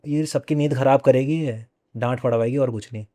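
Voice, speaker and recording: Young man with a mellow voice, recounting a story. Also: mid-range voice, steady tone, no room sound, clean studio sound. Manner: repeats phrases, conversational and unhurried. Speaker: podcast guest. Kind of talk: casual storytelling of a personal ghost story.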